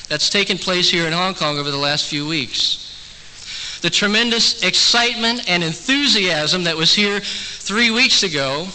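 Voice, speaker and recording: A man's voice: high-pitched, bright, forceful tone. A male pastor preaching a sermon in a church, telling stories with humor. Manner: storytelling, humorous. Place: church in Hong Kong. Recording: echoey church hall, faint tape hiss.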